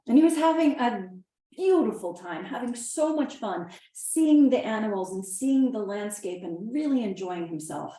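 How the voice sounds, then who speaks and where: A woman's voice: mid-range voice, warm tone. A woman hosting an opening ceremony, giving a casual, motivational talk and telling a story expressively. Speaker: workshop host. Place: event venue. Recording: roomy echo.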